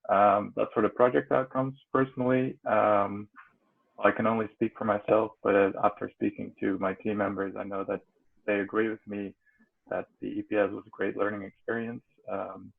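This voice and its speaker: A male student presenting a project's conclusions in a halting manner with many fillers. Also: lowish voice, little pitch movement, gravelly. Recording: tinny phone-like audio.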